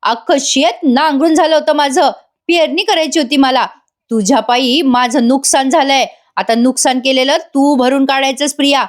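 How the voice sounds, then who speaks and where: A woman's voice: sits high, fairly even intonation, moderate pace, lightly acted. A woman voicing a feisty, bossy young farm woman who scolds and commands. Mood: scolding.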